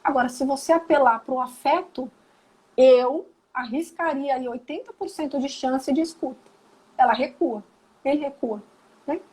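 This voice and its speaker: Speaking at a normal pace with a voice that sits high, this Brazilian woman is a psychologist guest on a live video call. She explains things casually and animatedly, performing the dialogue she quotes, in a Brazilian Portuguese accent, and the recording is rough.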